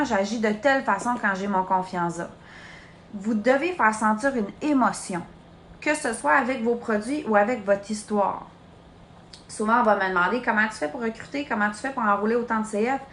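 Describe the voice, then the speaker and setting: This Québécois woman, late twenties, coaches her sales team during a live social media training, speaking chattily and directly and using "tu" for the listener. Her voice is on the high side, fairly bright, and a little fast. An echoey room and slight background noise are audible.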